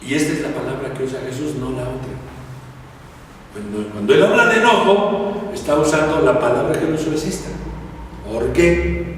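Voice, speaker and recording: A man's voice: fairly high pitch, very animated, normal speed, pauses often. A man teaching scripture in a chatty way, often asking the audience rhetorical questions. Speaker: Bible teacher. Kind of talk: conversational Bible teaching. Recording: echoey hall from far off, faint hiss.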